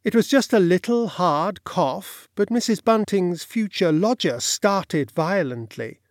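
A man narrating a period novel in a measured, expressive storytelling manner. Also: high-pitched, no room sound, studio quality. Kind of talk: audiobook narration.

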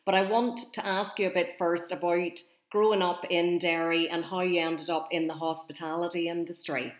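A woman presenting a radio show, reading smooth scripted introductions and welcoming a guest. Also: lowish voice, flat delivery, moderate pace.

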